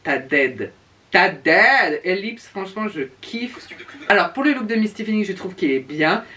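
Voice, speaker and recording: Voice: medium pitch, animated, normal speed, fairly bright tone. A speaker giving casual reaction commentary in a sassy, campy drag-queen manner, stretching words for emphasis. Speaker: reviewer. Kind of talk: casual reaction commentary reviewing show looks. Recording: distant microphone.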